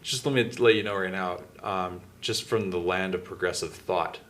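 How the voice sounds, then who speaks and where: A man from Northwestern Ontario hosting an interview, talking in a rambling, halting way with many restarts and fillers. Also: sits low, a bit bright, a little hiss or hum. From Northwestern Ontario, Canada. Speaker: podcast host. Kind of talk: casual interview chat.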